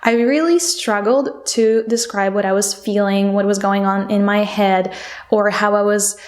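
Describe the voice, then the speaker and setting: A woman's voice: medium pitch, steady tone, unhurried. A young woman from Poland with a Polish accent, a native Polish speaker, talking in a chatty, candid way in a casual diary-style monologue. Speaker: language mentor and podcast host.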